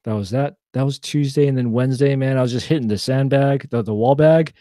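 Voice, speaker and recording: Young man, casual podcast chat, mellow warm tone, dry close sound, rambling with fillers. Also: medium pitch, fairly quick, dry recording. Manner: rambling, lots of fillers and restarts. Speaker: podcast co-host.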